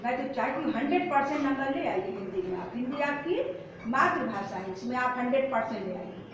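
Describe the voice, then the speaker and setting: A woman teaching an exam-prep lesson, explaining step by step and repeating words slowly to correct spelling. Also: high voice, expressive. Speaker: Hindi teacher. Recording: echoey far-off lo-fi room sound with faint hiss.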